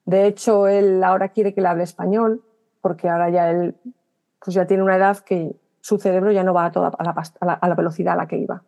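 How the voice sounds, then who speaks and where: A middle-aged woman from Spain with a Spanish accent, a writer and guest on a podcast interview, telling stories briskly and acting out remembered dialogue, often restarting her sentences. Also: on the low side, steady tone, dark tone, lo-fi sound. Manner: talks in quick bursts with restarts and self-corrections.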